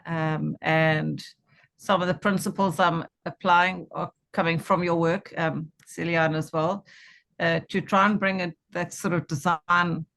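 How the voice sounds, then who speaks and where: A woman sharing reflectively in conversation, tentative and pausing to reformulate her thoughts. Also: lowish voice, fairly even intonation, vocal fry, a bit bright. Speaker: workshop participant and research student.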